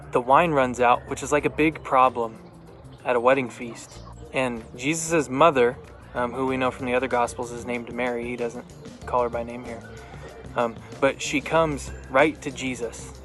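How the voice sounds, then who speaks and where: A man with a bright, forward voice at a middle pitch hosts a casual devotional vlog from a backyard. He is plain-spoken and reflective, and music plays behind him. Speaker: host of a Bible devotional video. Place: outdoors in a backyard.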